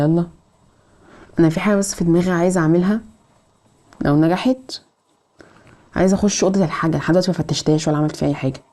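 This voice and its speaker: A woman with an Egyptian accent giving excitable let's play commentary, scolding the game characters. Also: low voice. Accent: Egyptian Arabic. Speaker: gamer.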